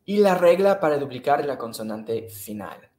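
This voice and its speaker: A man's voice: fairly high pitch, sing-song, moderate pace, dark tone, roomy sound. A man teaching English in a live online class, patiently repeating and checking in with the students. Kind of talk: live-streamed online lesson.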